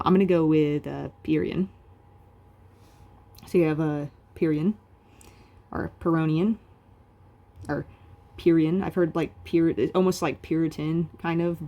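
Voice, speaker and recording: A woman with a low voice and a warm, soft tone explains philosophy in a video lecture. She talks casually and loosely, filling the pauses with "um" and "like". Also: vocal fry. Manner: casual and chatty, many fillers like "um" and "like".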